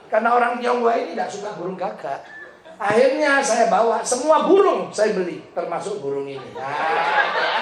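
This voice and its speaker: Lively joking pastor in an echoey hall. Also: male voice, high-pitched. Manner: animated, joking storyteller who laughs often. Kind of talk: humorous sermon. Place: large hotel function hall. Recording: echoey hall, mic at a distance.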